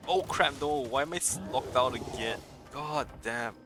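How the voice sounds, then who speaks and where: A young man in a mid-range voice keeps up lively, casual livestream chatter at a moderate pace as he plays a video game, reacting to the gameplay while game music plays behind him.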